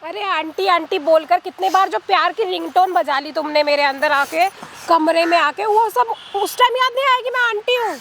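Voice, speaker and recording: A woman playing a scheming, domineering married aunt who taunts and threatens, scolding with rapid questions. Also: very high-pitched, a bit bright, a little hiss or hum. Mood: taunting. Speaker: actor in a short drama. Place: outdoors in a public place.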